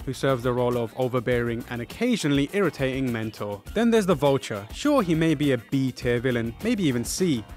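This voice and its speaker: Male host, mid-pitched voice, upbeat scripted preview read with light sarcasm, faint music underneath. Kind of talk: scripted film preview narration.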